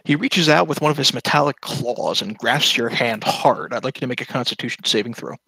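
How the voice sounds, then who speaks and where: A man narrating a tabletop game as game master, with a halting delivery full of fillers. His voice is husky and bright. It is recorded close and dry. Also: medium pitch, no echo, low-quality recording.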